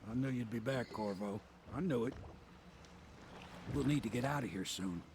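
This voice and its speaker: An actor playing a gruff, loyal, weary old sailor in a video game, plain-spoken and earnest like an old fisherman. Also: mid-range voice, normal speed, natural voice. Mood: relieved, earnest. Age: older. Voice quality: gravelly. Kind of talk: video game character dialogue. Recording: loud waterside noise behind. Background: water and boat ambience.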